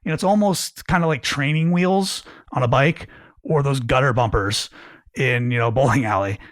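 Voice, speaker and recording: A man's voice: medium pitch, moderate pace, no room sound, clean studio sound. A man coaching on career skills, explaining earnestly and acting out example phrasings to show tone. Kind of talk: talking-head career advice.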